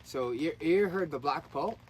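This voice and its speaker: A man's voice: fairly high pitch, expressive, moderate pace. A man talking in a casual, earnest, rambling way, often restarting his sentences. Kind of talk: casual conspiracy chat. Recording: faint background noise.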